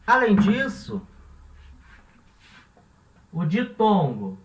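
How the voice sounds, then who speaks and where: Speaking extremely slowly with huge swings in pitch, a high-voiced man teaches a language lesson in classroom style. He is a native Portuguese speaker who explains patiently, repeats each example and checks often that the listener keeps up. The recording catches him at a distance in an echoey room.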